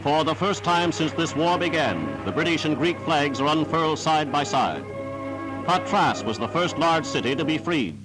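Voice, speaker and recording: A man's voice: a little high, lively intonation, normal speed, loud music behind the voice, rough recording. A man reading scripted 1940s newsreel narration in a formal, declamatory manner on a period soundtrack.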